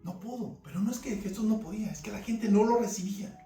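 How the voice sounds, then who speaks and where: A man preaching a fervent sermon, swinging between loud emphasis and quiet asides. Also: sits high, quick pace. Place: church service. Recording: roomy church sound from a distant mic, faint music behind.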